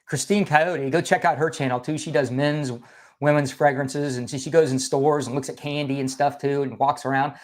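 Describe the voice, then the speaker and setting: A man hosting a livestream, asking questions and talking in quick, loose, repetitive phrases. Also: mid-range voice, steady tone. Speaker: livestream host. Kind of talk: casual livestream chat.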